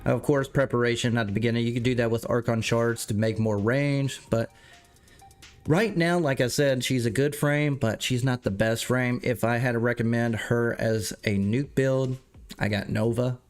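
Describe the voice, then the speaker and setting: A man streaming a game live, stuffed up and clearing his throat, rambling and correcting himself as he chats with viewers. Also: medium pitch, normal speed, soft background music. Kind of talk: casual livestream commentary.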